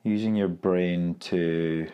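A man's voice: low voice, steady tone, takes it slowly, highs cut off, background noise. A man co-hosting a podcast, joking around, laughing often and stumbling over his words. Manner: laughs often, jokey, hesitant restarts. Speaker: podcast co-host. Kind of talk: casual banter.

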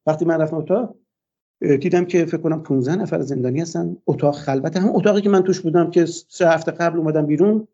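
An older man, a guest in a radio interview, gives a long, hesitant personal account, often pausing on "uh" fillers. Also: a little high, warm tone, lo-fi sound.

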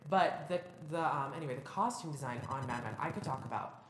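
A woman's voice: extremely low pitch, a little fast, a little hiss or hum. A woman co-hosting a podcast, chatting casually and gushing enthusiastically about costumes. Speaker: podcast co-host. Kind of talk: casual chat. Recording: roomy room echo.

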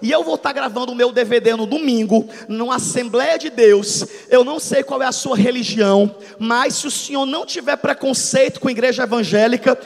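A man in his thirties, a pastor, preaching a dramatic testimony sermon that swings from soft storytelling to shouts. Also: extremely high pitch, a little fast, gravelly, big-room sound. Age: 30s. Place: church hall.

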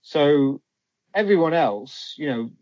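A man's voice: fairly high pitch, lively intonation, slow, darkish tone, dry recording. A man giving casual football advice as a podcast panellist on an internet call. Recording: muffled internet call audio.

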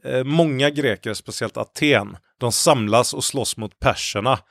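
A man's voice: medium pitch, creaky, fairly bright tone, no room sound. A man co-hosting a podcast, telling anecdotes and history in a dry, self-ironic way. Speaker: podcast co-host. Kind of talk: casual chat, storytelling.

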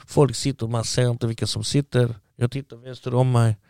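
A man's voice: medium pitch, flat delivery, gravelly. A man, the guest, telling a long story casually and acting out what people said to him.

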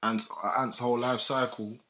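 Male podcast speaker, London roadman accent, forceful tone, mid-pitched, argues in casual slang, often checking he's understood. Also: little pitch movement, moderate pace, slight background noise. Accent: London roadman, multicultural street English. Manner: repeats tag questions and checks he is understood. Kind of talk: casual debating chat in London street slang.

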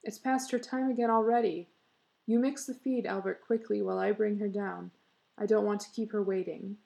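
A woman voicing a fussy, anxious young wife and mother, speaking higher and louder with urgency. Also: fairly even intonation, normal speed, vocal fry, close to an everyday voice.

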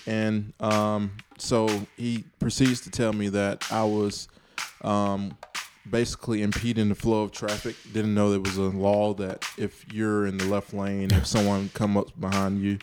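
A man calmly telling a story in casual podcast chat, pausing with ums. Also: fairly low pitch, over music. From US South. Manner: calm, steady, with pauses and ums.

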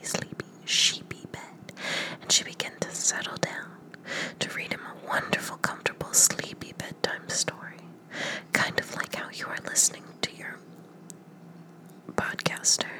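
A woman podcaster whispering a bedtime story meant to send the listener to sleep, softly repeating words over and over. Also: poor audio. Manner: soft whisper, slow hypnotic repetition of words.

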